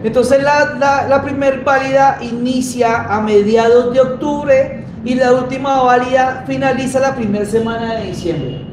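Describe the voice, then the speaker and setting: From a small indoor motorbike workshop, a Colombian man in his thirties hosts a casual live-stream chat announcing a championship, informal and emphatic in manner. His very high voice moves at normal speed with hardly any pauses, and the echoey room lets background noise come through clearly.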